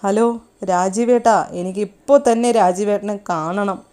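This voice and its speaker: A woman's voice: mid-range voice, steady tone, normal speed, warm tone, lightly acted. A woman voicing a grieving, guilt-ridden middle-aged mother, reading her lines in a raised, tearful, pleading voice. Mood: pleading, accusing.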